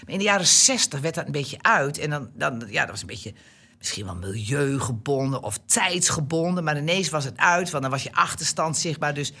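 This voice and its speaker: Lively husky Dutch woman from Groningen. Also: deep voice, a little fast. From Groningen, Netherlands. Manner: chatty, animated, laughs often, many fillers and restarts. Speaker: interview guest. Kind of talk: relaxed personal storytelling.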